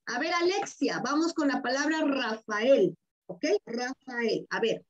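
A woman's voice: high-pitched, expressive, unhurried. A Peruvian woman teaching a primary class online, patient and affectionate, coaxing answers with questions and repeating key words. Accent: Peruvian Spanish. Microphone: video call. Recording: dull lo-fi video call audio.

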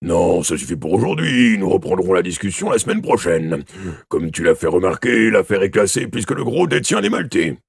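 A man voicing a gruff middle-aged police inspector in an audiobook, scolding and stern in manner. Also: sits low, big pitch swings, normal speed, no echo, studio quality, full character voice.

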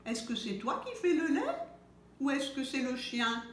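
Storybook: woman doing a high, chatty little chick, all eager questions. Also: big pitch swings, measured pace, very echoey, a little hiss or hum. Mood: curious.

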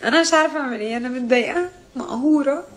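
A young woman from Jordan with a high voice recounts something personal. She sounds distressed and agitated, breaking off and restarting her sentences. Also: rapid-fire. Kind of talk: emotional personal account.

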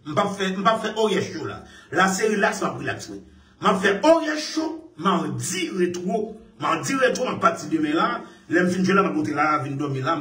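Animated man, echoey room. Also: sits high. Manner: laughs often, repeats phrases. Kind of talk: excited casual talk. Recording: echoey room, far from mic.

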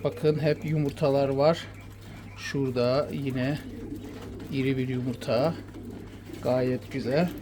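In a casual vlog, a man from Turkey shows off his quails, speaking slowly with a steady, medium-pitched voice and frequent pauses. He talks to the birds fondly and soothingly, and the noisy recording is filled with the cooing of birds and pigeons.

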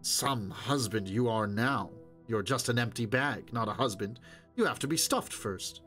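A man voicing a brisk, bossy young wife who scolds her husband. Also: mid-range voice, faint music behind, lightly acted. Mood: scolding. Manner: sharp, scolding, exasperated.

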